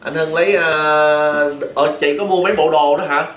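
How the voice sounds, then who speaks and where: A man's voice: fairly high pitch, steady tone, moderate pace. A man, hosting a casual vlog chat in a teasing, chatty way. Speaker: vlog host. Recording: roomy, noisy phone video.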